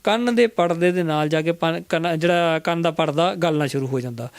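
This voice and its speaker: A man, an herbal remedy practitioner, explaining home cures in a health interview and acting out his patients' words in an animated way. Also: on the high side, normal speed.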